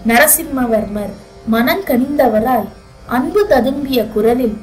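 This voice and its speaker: A woman reading a historical novel aloud as narrator, in an even, unhurried storytelling manner over faint background music. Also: sits high, low-quality recording. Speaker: audiobook narrator.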